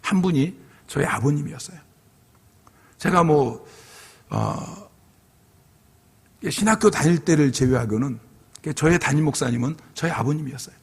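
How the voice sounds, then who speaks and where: A middle-aged man preaching at a church revival, telling his own story with deep earnestness. His voice is gravelly and very husky and sits a little high. A long church reverb trails after every phrase. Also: expressive, moderate pace, long pauses. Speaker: pastor. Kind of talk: revival sermon with personal testimony. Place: church sanctuary.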